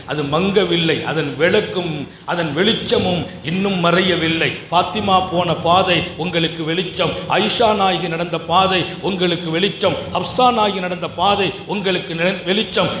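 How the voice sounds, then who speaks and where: Guy preaching a sermon, high voice, echoey hall. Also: fairly even intonation, moderate pace, slight background noise. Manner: swings between soft storytelling and loud, rising exhortation. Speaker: Islamic preacher.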